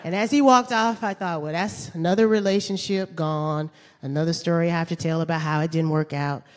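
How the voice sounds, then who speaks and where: Woman storyteller, lively and laughing, recorded live in a reverberant hall. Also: lowish voice, brisk. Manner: animated, laughing, comic asides. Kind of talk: live true-story telling.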